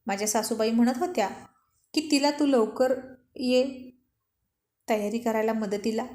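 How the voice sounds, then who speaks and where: A woman's voice: a little high, unhurried, a little mellow, roomy sound, lightly acted. A woman voicing a teasing, bossy young married man in bantering talk with his friends. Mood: joking.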